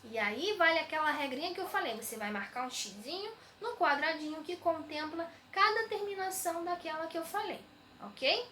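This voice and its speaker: A woman schoolteacher patiently walks young students through textbook exercises, often saying "né." Her voice sits high with a fairly bright tone, recorded in an echoey room with slight background noise.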